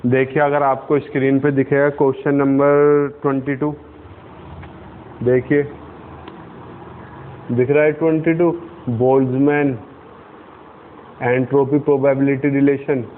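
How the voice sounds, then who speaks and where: At a whiteboard, a young man explains physics step by step, asking his students questions as he goes. His medium-pitched voice comes through tinny, phone-like lo-fi audio with slight background noise.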